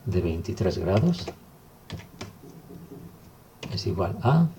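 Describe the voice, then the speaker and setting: Guy teaching math slow and step by step, low gravelly voice, faint hiss and typing behind. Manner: calm, step-by-step explaining while writing. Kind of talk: recorded math lesson.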